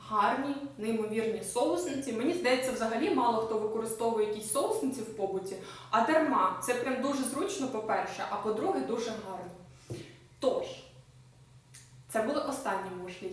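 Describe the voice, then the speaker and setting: A woman vlogger chatting enthusiastically as she shows things off, with many filler sounds along the way. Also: a little high. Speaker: lifestyle vlogger. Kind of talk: casual show-and-tell chat. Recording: echoey room, mic at a distance.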